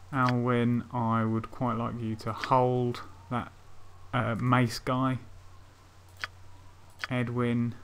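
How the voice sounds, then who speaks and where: A man's voice: mid-range voice, slight background noise. A man giving casual let's play commentary, thinking aloud hesitantly as he plans his moves. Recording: game music behind voice.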